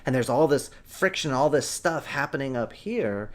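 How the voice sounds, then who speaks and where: Animated man hosting a parenting show. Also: medium pitch, moderate pace. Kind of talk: energetic parenting advice talk.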